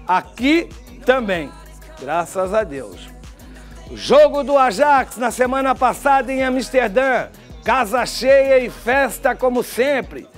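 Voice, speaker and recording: Older Brazilian male TV host, high-pitched, chatty and wry, lapel mic, faint music bed. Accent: Brazilian Portuguese. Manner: chatty, wry asides, drawn-out sign-offs. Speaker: TV commentator. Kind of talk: studio TV commentary. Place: TV studio.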